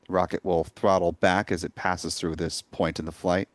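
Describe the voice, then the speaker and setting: A man's voice: deep voice, level tone, moderate pace, dry recording. A man hosting a live launch webcast, explaining events in a composed way.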